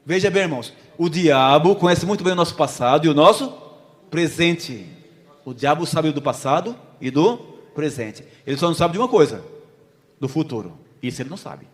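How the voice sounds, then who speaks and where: Preaching a sermon with a volunteer illustration, a man acts out a story and fires questions at his congregation. His voice is somewhat high for a man, a little fast with lively intonation, ringing out in the church hall's long reverb.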